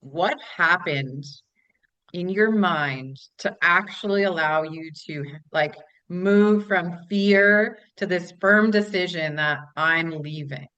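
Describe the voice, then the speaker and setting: Host: woman, lowish voice, supportive questions, dry lo-fi remote audio. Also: takes it slowly, a bit bright, smooth, no room sound. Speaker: podcast host. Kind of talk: interview questions. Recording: dry, dull lo-fi sound.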